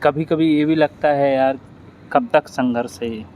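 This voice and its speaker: A man's voice: medium pitch, steady tone, measured pace, narrow, tinny audio. A man hosting an interview, earnest and consoling as he speaks to his guest and to viewers. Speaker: interviewer, channel host.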